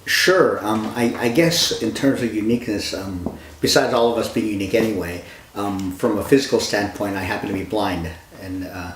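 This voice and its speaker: A man from California, an attorney on a panel, speaking calmly and evenly, letting phrases trail off. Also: lowish voice, normal speed, crowd noise. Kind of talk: casual panel conversation. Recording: echoey room.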